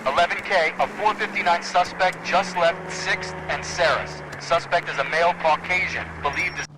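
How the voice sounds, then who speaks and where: Period police dispatcher played by a man: American, clipped, slightly high, heavy car noise behind. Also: steady tone, moderate pace, close to an everyday voice. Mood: businesslike. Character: businesslike 1940s male police radio dispatcher. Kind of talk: scripted radio call in video game. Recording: very noisy car ambience.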